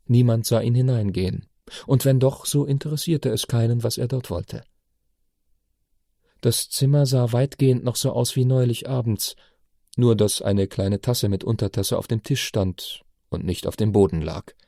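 A man reading an audiobook novel aloud in a measured storytelling manner. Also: mid-range voice, fairly even intonation, gravelly, mellow, no echo, clean studio sound. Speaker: audiobook narrator. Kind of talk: scripted narration.

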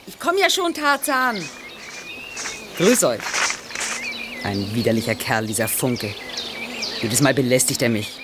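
An actress playing a young waitress who is friendly to regulars but fed up with a pushy guest, brisk and wry. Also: female voice, a bass voice, big pitch swings, very noisy, exaggerated voice.

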